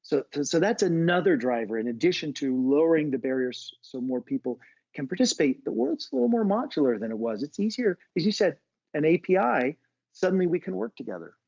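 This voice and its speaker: Speaking in a casual podcast interview, an American business school professor is thoughtful but restarts often and leans on many fillers. His higher voice is very animated and a little fast, darkish and slightly rough with vocal fry, captured in a lo-fi recording with no room sound.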